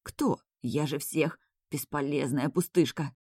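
A woman's voice: animated, normal speed, darkish tone, husky, no echo, studio quality. A woman reading an audiobook, voicing a hysterical, scornful deposed queen who shrieks and snaps. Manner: shrill, screaming, scornful. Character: hysterical deposed queen, middle-aged mother, cruel and unhinged. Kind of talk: audiobook character voice.

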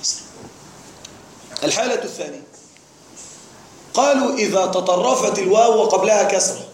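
In an echoey classroom with faint noise, a man whose voice sits high gives an Arabic grammar lecture, expressive and a little fast, often pausing to test his students with questions.

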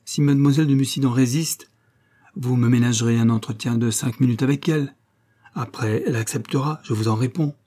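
A man's voice: mid-range voice, steady tone, fairly quick, dark tone, close to an everyday voice. A man voicing a sly, mocking old male law clerk in an audiobook, with a sneering, ironic manner. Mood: insinuating.

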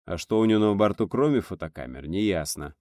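A man voicing a gruff base commander. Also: low-pitched, expressive, fairly quick, a little mellow, dry recording, studio quality. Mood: stern. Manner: gruff, commanding over the radio. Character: stern middle-aged male base commander.

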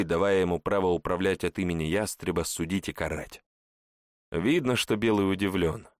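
A man narrating an audiobook in a wry, expressive first-person reading. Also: sits low, no echo, studio quality.

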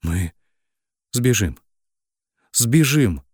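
A man's voice: sits low, lively intonation, takes it slowly, husky, dry recording, studio quality, heavily acted. A man voicing a frightened young woman who pleads in panic and tears. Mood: desperate.

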